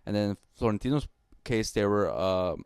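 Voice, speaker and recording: A man with a low, smooth voice talks through football matches on a podcast, steady and explanatory. The sound is dry and close, with no room around it. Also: no room sound. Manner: measured, explains calmly, many "you know" fillers. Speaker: podcast co-host. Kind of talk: casual sports chat.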